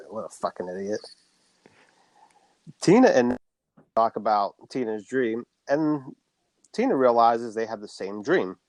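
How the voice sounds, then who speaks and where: A man's voice: medium pitch, lively intonation, takes it slowly, pauses often, darkish tone, no echo. A man co-hosting a podcast, casually recapping a horror film plot and swearing freely.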